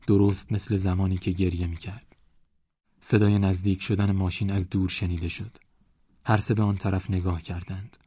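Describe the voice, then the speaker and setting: A man narrating an audiobook novel in a steady, even storytelling manner. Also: deep voice, slightly rough, no room sound. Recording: dull dry lo-fi recording.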